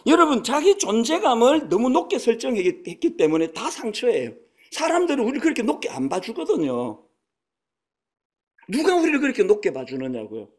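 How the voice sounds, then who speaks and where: A man's voice: extremely high pitch, very animated, normal speed. A man in his sixties preaching a sermon as a pastor, in a conversational storytelling manner that acts out quotes. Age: 60s. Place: church sanctuary.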